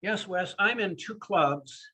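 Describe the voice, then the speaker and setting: An older American man in his sixties or beyond answers interview questions in a plain-spoken, unscripted way, often pausing mid-sentence. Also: high-pitched, pushed and bright, slightly rough. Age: 60s or older. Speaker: speech contestant being interviewed.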